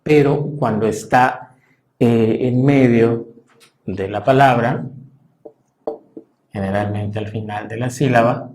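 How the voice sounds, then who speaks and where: A man teaching a language class, explaining patiently and slowly, with frequent "eh" fillers. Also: mid-range voice, steady tone, darkish tone. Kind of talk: classroom lesson.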